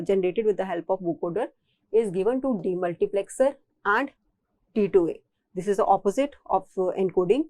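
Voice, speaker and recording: In a mid-range voice with a dark tone and no room sound, an Indian-accented woman teaches an engineering topic. She goes one step at a time, often saying a phrase again or putting it another way.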